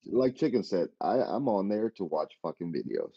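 A man with a deep, dark voice tells a story in a casual podcast chat, acting out what people said and swearing freely. The recording is dry and dull, with a lo-fi edge. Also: normal speed, no room sound. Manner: animated retelling with quoted dialogue, swearing. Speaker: podcast guest.

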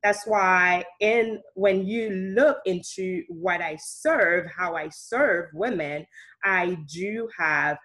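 Soft-spoken woman coach from Haiti. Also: on the low side, slow. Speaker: guest, leadership coach. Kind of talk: interview answers.

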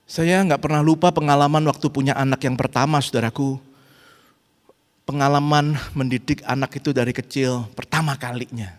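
A middle-aged man preaching a sermon as pastor, swinging between loud urgent rhetorical questions and quiet, intimate reflection. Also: mid-range voice, steady tone, normal speed. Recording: long hall reverb.

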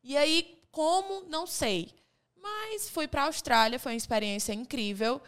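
A young woman co-hosting a casual podcast, telling her story with lively quoted dialogue and repeated restarts. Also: high-pitched, a little slow. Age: young adult. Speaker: podcast co-host. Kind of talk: casual chat among friends.

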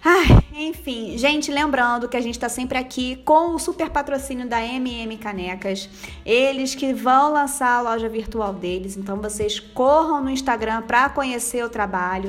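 A woman hosting a casual podcast, chatty and playful, with quick asides and a sponsor read. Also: on the high side. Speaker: podcast host.

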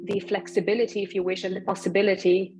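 A woman from Poland, a recruitment professional, answering interview questions in a measured, thoughtful way with frequent ums. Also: mid-range voice, little pitch movement, music in the background, rough recording.

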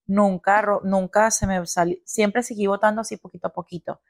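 A woman's voice: mid-range voice, fairly quick, no echo. Young woman, podcast co-host, slangy storyteller, dry close mic. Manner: lively storytelling, slangy and frank. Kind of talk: casual chat.

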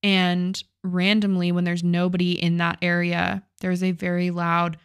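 Casting: young woman, lowish voice, loose chatty podcast host, swears, dry booth sound. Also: monotone, unhurried, smooth, no echo. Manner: casual, swears, many "like" fillers. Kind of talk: casual storytelling chat.

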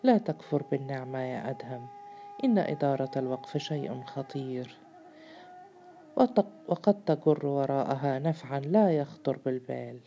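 Storybook wife: a woman doing a coaxing young wife, gravelly, very low voice. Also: normal speed, warm tone, slight background noise. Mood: earnest. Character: young wife, caring and persuasive.

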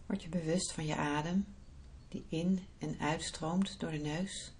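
A woman podcast host guiding a relaxation visualisation in a soft, soothing, unhurried manner. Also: sits low, steady tone, a little hiss or hum. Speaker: podcast host, breathing therapist and yoga teacher.

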